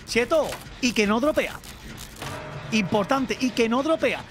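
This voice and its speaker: A young man from streaming a game, chatting to viewers and shouting and swearing at the action. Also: very high voice, lively intonation, unhurried, music in the background. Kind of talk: live gameplay commentary.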